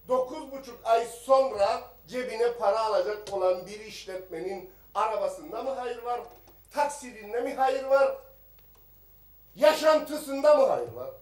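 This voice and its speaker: A man's voice: very high voice, darkish tone, distant mic. A man giving a combative parliamentary speech at a rostrum microphone, firing rhetorical questions at the minister. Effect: speaking at a rostrum microphone in an assembly hall. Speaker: member of parliament. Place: parliament chamber. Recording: echoey chamber, voice a bit off the mic.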